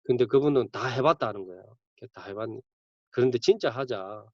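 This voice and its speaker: A man's voice: medium pitch, fairly quick, no room sound. A male campus ministry pastor, preaching conversationally with sudden bursts of emphasis. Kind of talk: sermon. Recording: dull dry lo-fi recording.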